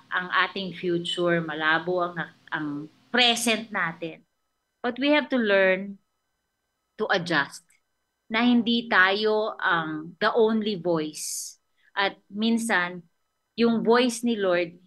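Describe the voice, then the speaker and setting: A woman with a Filipino accent, her voice medium in pitch, pushed and bright, preaches a conversational sermon as a pastor. She mixes English and Tagalog and keeps checking in with her listeners by asking "okay?"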